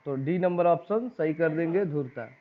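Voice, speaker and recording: A man's voice: a little high, moderate pace. A male teacher with a Bihari Hindi accent takes a class through exam questions. He reads each question and its options, then asks the class for the answer and repeats it back. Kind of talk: exam-prep lesson, reading out quiz questions and options. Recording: tinny phone-like recording.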